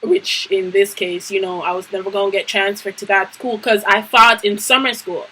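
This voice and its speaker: A young adult woman vlogger telling a story in a lively, emphatic, slang-heavy casual way. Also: medium pitch, moderate pace, a little hiss or hum, poor audio. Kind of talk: storytime vlog.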